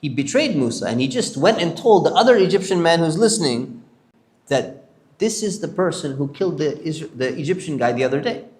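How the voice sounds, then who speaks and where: Man preaching a story, lively pitch jumping around, acts out lines, echoey hall. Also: a little fast. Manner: animated storyteller acting out characters' lines. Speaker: sheikh telling prophet stories. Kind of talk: storytelling lecture. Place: Islamic center hall.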